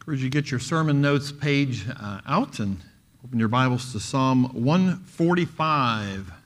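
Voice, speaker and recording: A man's voice: mid-range voice, lively intonation, normal speed. A middle-aged man preaching a sermon, telling jokes and stories and raising his voice for the quoted lines.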